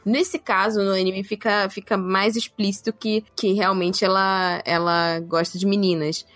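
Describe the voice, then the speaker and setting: A woman's voice: medium pitch, level tone, unhurried, fairly bright tone, no room sound, faint music behind. A woman with a Brazilian accent hosting a casual podcast chat, rambling through her points with many fillers. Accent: Brazilian Portuguese. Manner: meandering, frequent fillers like "tipo" and "né". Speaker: podcast host.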